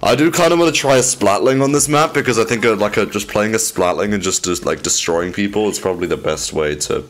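A man streaming a shooter game, chatting casually with a teammate in excitable bursts and frequent laughs. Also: on the low side, fast talker. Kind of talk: casual gaming chat.

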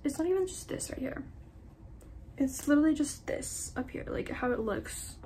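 Young woman, slight lisp, rambling casual chat, fairly high voice, faint hiss behind. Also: lively intonation, normal speed, mellow, low-quality recording. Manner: rambling, self-deprecating, swears casually. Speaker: vlogger. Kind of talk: casual get-ready-with-me chat. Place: at home, indoors.

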